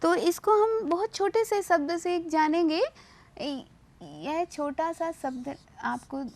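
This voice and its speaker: High-voiced woman teacher lecturing. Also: expressive, takes it slowly, a little mellow. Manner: explanatory, mixes in English terms, frequent restarts. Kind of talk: classroom lecture.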